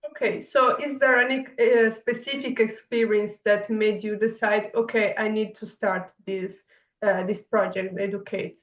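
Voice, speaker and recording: A woman's voice: medium pitch, steady tone, measured pace, a bit bright. A woman hosting an interview, asking questions hesitantly with many "uh" fillers. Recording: dull, echoey and distant.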